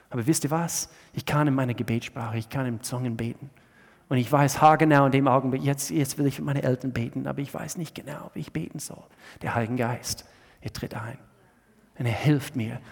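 A man preaching a sermon, swinging between loud emphatic lines and soft hushed asides, often restarting his sentences. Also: medium pitch. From USA. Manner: halting, with frequent restarts. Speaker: pastor. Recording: reverberant hall.

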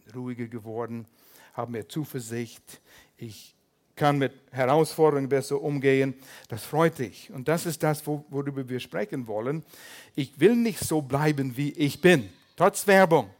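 An older man preaching a sermon as pastor, lively and humorous, with small slips in his German. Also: medium pitch, moderate pace.

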